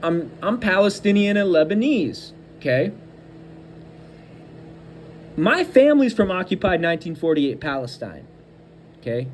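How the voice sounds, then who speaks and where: Very animated yet a little slow, with long pauses, a high-pitched man hosts a political commentary show in a furious, combative style. He trades in insults and repetition to press his points, and there's slight background noise.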